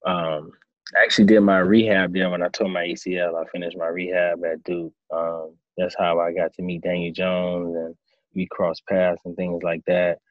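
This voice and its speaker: A man in his thirties, a former quarterback turned coach, answering interview questions in a relaxed storytelling way. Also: low voice, moderate pace, no room sound, highs cut off. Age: 30s. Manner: relaxed storytelling, acts out his own past thoughts.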